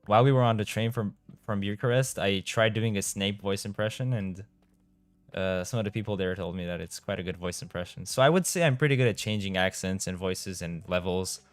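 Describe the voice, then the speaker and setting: Speaking a little fast in a lowish voice, this young man from Romania streams a game and chats casually with viewers. He reads their messages aloud and stumbles over words at times, his Romanian accent clear, with no echo and faint music behind him.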